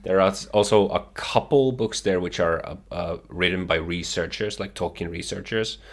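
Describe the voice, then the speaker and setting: A Finnish man in his twenties, a native Finnish speaker, talks in a low-pitched voice at normal speed as a guest and the host's partner. In casual chat he speaks earnestly and enthusiastically about books he loves, using "like" a lot.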